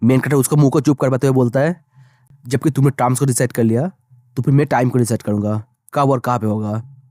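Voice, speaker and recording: Male recap narrator, fast, mellow dark tone, dry close voice-over. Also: medium pitch, steady tone, dry recording. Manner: rapid, plain retelling of dialogue. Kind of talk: storytelling recap, voicing all characters in the same voice.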